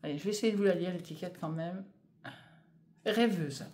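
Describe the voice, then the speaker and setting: A woman's voice: fairly low pitch, normal speed, a little mellow, a little hiss or hum. A woman chatting casually in a knitting vlog, hesitant with many fillers, filming in her home conservatory. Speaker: knitting vlogger. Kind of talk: casual vlog chat, unboxing yarn.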